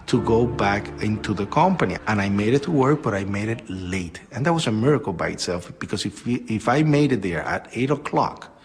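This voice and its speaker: A middle-aged man giving a steady, matter-of-fact eyewitness account of his workday in an interview. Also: lowish voice, a little fast, husky. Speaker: building worker recounting his experience. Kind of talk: calm eyewitness testimony.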